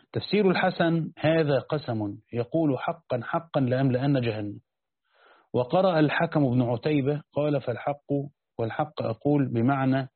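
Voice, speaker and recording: A man's voice: mid-range voice, slightly rough, no echo. A man with an Egyptian Arabic accent teaching a classical Quran commentary, reading the text aloud, explaining it, and asking and answering his own questions. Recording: tinny phone-like lo-fi recording.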